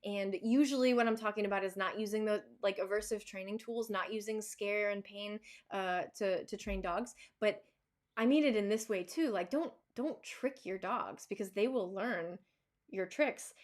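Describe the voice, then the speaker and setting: A woman's voice: mid-range voice, moderate pace. A woman dog trainer answering viewer questions in a casual live chat, talking loosely with many fillers and restarts and laughing easily.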